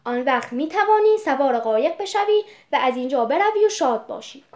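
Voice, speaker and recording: A generous old tree from a storybook speaks in a tender, pleading way, voiced by a woman reader. The voice sits high and soft. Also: expressive.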